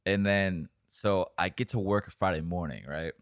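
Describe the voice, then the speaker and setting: A man's voice: deep voice, measured pace, clean tone, dry recording, clean studio sound. A young man co-hosting a podcast, telling a long story in a rambling, profane, laughing way. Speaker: podcast co-host. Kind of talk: casual storytelling chat.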